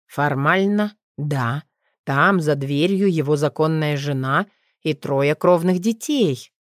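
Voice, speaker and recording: A woman with a low voice reads an audiobook in a steady, measured manner. The recording is dry and close, with no room echo. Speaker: audiobook narrator. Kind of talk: scripted audiobook narration.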